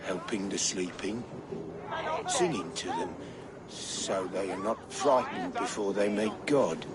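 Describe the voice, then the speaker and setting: A slow, childlike, sorrowful gravedigger. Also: male voice, on the low side, animated. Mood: dreamy. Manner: childlike, repetitive speech. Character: simple-minded, sorrowful gravedigger who mourns his friend. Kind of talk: video game character acting. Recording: clear background noise.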